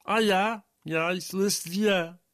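A man's voice: high-pitched, fairly even intonation, slow, fairly bright tone, no room sound, studio quality. A man with a European Portuguese accent in comic scripted banter, asking puzzled questions and giving in easily.

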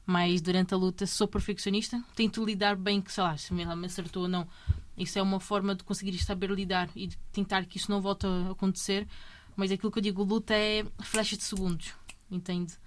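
A Brazilian woman in her thirties, an MMA fighter appearing as a guest, chats in Portuguese during a casual interview, her accent blending Brazilian and European Portuguese. She speaks briskly and easily with a fairly flat, level pitch, often restarting sentences and tagging them with "entende?".

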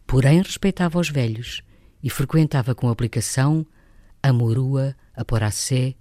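A woman, an actress, reading a novel excerpt as literary narration in a measured, expressive storytelling manner. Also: a bass voice, no echo, studio quality.

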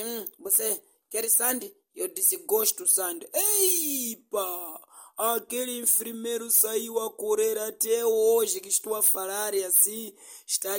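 Comic telling a silly story, middle pitch, playful and dragged-out. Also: a little mellow. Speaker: comedian.

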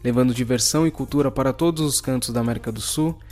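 A man's voice: medium pitch, fast, a little mellow, soft background music. A man announcing a show in the grand, ceremonious manner of a circus ringmaster.

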